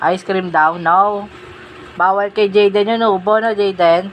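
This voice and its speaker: A woman's voice: medium pitch, steady tone, a little slow, a little hiss or hum. A young woman in casual, playful chat, teasing and questioning a small child in a sing-song way. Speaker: vlogger talking with a toddler.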